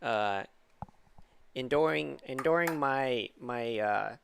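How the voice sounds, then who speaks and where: A man hosting a casual podcast chat over a call, rambling with halting restarts and a squeaky voice. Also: creaky, fairly bright tone, a little hiss or hum. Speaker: podcast host.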